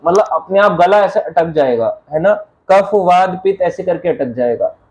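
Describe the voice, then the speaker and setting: A man with a notably high voice delivers a devotional lecture. He talks in a relaxed, conversational way, weaving in funny anecdotes and laughing at his own jokes. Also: poor audio. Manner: chatty, jokey, laughs at own stories. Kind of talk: Hindi spiritual lecture with anecdotes.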